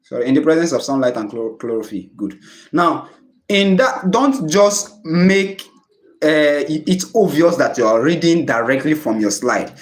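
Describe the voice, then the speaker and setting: A man's voice: fairly high pitch, animated, normal speed, roomy sound. A man with a Nigerian English accent teaching students in a chatty live-stream lesson, often laughing at his own jokes and dropping in Pidgin phrases. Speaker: tutor.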